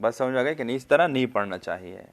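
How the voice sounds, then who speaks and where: A man with a Pakistani Urdu accent teaching tajweed, explaining the rules and then reciting the verses slowly in a raised, melodic voice, often checking whether the listener understood. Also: medium pitch, animated. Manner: asks the listener if they understood. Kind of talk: tajweed lesson with slow demonstration recitation.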